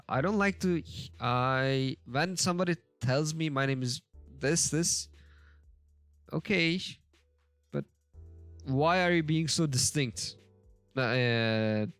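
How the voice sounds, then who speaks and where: Slow, halting man thinking aloud. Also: medium pitch, a bit bright, dry recording. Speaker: language learner teaching a lesson. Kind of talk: casual screen-share lesson commentary.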